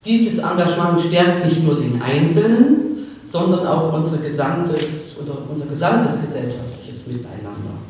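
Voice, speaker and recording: A woman's voice: low voice, lively intonation, moderate pace, mellow. A woman minister giving a formal ceremonial address, with a few small repetitions. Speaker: government minister. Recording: echoey hall from far off.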